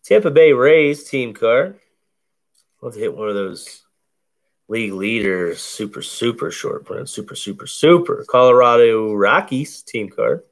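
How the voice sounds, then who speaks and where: Seated indoors at a card-covered table, a male card break host opens baseball cards and announces each one in a deep, bassy voice. The casual commentary stays calm and relaxed, a slow, easygoing play-by-play.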